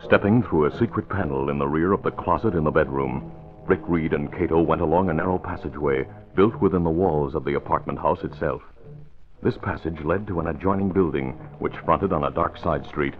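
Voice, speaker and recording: A man's voice: very deep voice, a little fast, faint music behind. A man reading dramatic scripted narration for a mid-century radio adventure serial. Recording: dull old radio recording.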